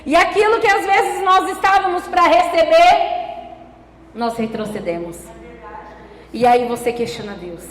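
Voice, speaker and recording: A woman pastor with a Brazilian Portuguese accent preaching a sermon with personal testimony. She moves between hushed storytelling and fervent exhortation. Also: extremely high pitch, measured pace, pauses often. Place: large church hall. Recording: reverberant church hall, faint noise.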